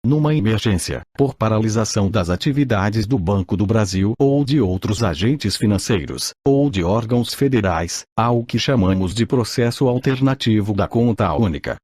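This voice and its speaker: Audiobook narrator: synthetic man's voice in old text-to-speech style, impersonal, husky, recorded very dry. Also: lowish voice, a little mellow, no room sound. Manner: mechanical, impersonal reading. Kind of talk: scripted audiobook narration, read aloud.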